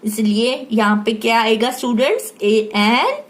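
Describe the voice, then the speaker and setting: A woman teacher with an Indian English accent, who talks slowly and spells out letters and asks questions as she walks through a beginner English lesson. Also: a little high, sing-song. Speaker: primary school English teacher. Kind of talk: slow classroom lesson.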